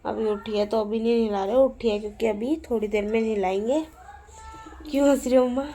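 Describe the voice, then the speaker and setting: A young woman chats casually to her viewers in a family vlog at home, rambling through stories and cooing to a baby now and then. Her fairly high voice is mellow with fairly even intonation and a slightly fast pace, over a little hiss or hum.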